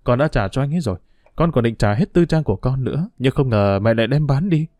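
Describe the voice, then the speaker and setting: A man's voice: medium pitch, lively intonation, fast, no room sound, natural voice. A man voicing a weary young woman who pleads earnestly but firmly with her mother, in a storybook reading. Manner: earnest, pleading, quietly firm. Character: young woman, weary, firm, resigned daughter.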